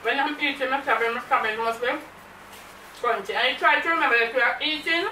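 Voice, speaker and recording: High bright Jamaican woman hosting a food vlog, chatty, mixes in patois, echoey room, far mic. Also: fast, a little hiss or hum. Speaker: mukbang vlog host. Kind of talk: casual chat to camera.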